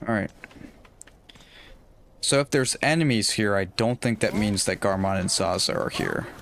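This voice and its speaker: A young man giving relaxed, casual commentary while playing a video game, talking to himself and his viewers. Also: on the low side, moderate pace, a little hiss or hum. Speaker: gameplay streamer. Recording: faint game music behind. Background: faint game music.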